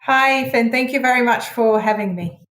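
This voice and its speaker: A woman's voice: on the high side, normal speed, a bit bright. A woman in her thirties, from Russia, giving articulate, upbeat interview answers about her career. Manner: articulate and upbeat, with occasional fillers. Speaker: guest, hedge fund head of research. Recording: roomy echo.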